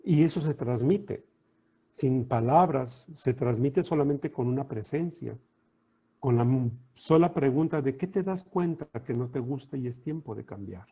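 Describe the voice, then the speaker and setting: A middle-aged Mexican man, a coach, giving a calm, reflective talk full of rhetorical questions over a video call. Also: mid-range voice, unhurried, husky, muffled recording.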